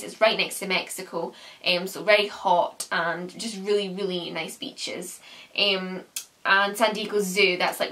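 A chatty young woman from the UK talks through her travels with a bright, forward voice, sprinkling in "um" and "like". She is recorded on a camera set a little way off in her small bedroom, so her voice sounds slightly distant. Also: medium pitch. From United Kingdom. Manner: chatty, with frequent "um" and "like". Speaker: travel vlogger. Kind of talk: casual travel recap to camera.

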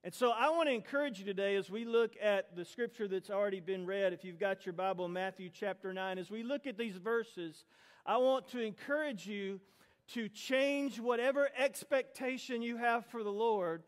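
High-voiced pastor in an echoing hall. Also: male voice, normal speed. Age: middle-aged. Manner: animated, acts out the voices of people in his story. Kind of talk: storytelling sermon.

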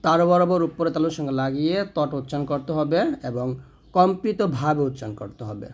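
A man teaching Quran pronunciation, sounding out each Arabic letter slowly and then explaining how the tongue and throat should move. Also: fairly high pitch. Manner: self-corrects mid-lesson.

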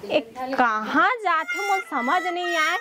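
A woman's voice: very high-pitched, expressive, normal speed. A woman in her twenties playing a nagging, suspicious village wife in a comedy skit, with a Chhattisgarhi accent. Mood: threatening. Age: 20s. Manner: nagging, confrontational. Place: village house porch and lane, outdoors. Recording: loud music behind dialogue.

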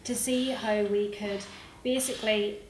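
A woman's voice: medium pitch, steady tone, unhurried. A woman from Northern Ireland with a Northern Irish accent, introducing her charity work on a panel in a matter-of-fact way. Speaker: charity project officer on a panel. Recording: echoey hall with audible noise.

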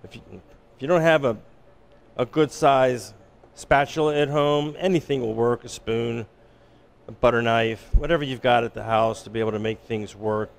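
A man working as a chef instructor, giving a relaxed, explanatory cooking demonstration in an instructional kitchen. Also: mid-range voice, normal speed, gravelly. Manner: relaxed, explanatory, with frequent restarts.

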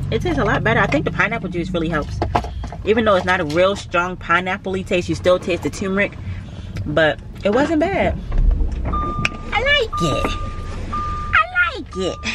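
A woman's voice: mid-range voice, heavy background noise. A young woman, chatting to her vlog camera from a parked car, tired and a bit cranky. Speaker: vlogger. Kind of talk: casual vlog chat. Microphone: handheld camera close by.

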